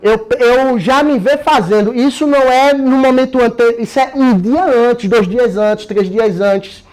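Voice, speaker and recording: A man's voice: very high-pitched, unhurried, darkish tone. A Brazilian man talking casually and energetically about how he prepares himself, with frequent tag questions and slang. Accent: Brazilian Portuguese. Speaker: course participant sharing his method. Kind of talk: casual explanatory talk.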